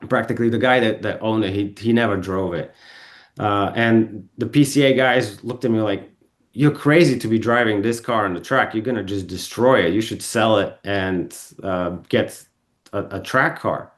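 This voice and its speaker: Low-voiced man telling stories. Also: moderate pace. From Bulgaria. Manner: rambling, self-correcting, with frequent ums and restarts. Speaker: podcast guest. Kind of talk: casual storytelling interview. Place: podcast studio.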